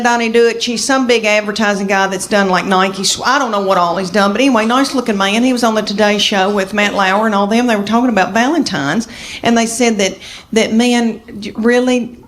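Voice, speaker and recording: A woman's voice: a little high, a little hiss or hum. A woman in her fifties with a Southern American accent, doing a chatty stand-up comedy routine and talking straight to the crowd. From Southern United States. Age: 50s. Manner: chatty, drawling, addresses the crowd directly. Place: comedy stage before a live audience.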